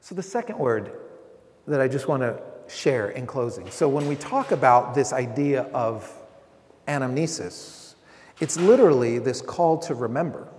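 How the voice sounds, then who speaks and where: A man preaching a sermon as pastor, animated and speaking directly to the congregation. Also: mid-range voice, moderate pace. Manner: animated preaching, quoting others in voices. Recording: long hall reverb.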